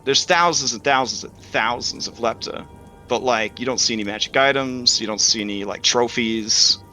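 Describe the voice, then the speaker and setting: A man's voice: medium pitch, moderate pace, sharp tone, faint music behind, rough recording. A man narrating a tabletop game as game master in a casual, informal and joking manner.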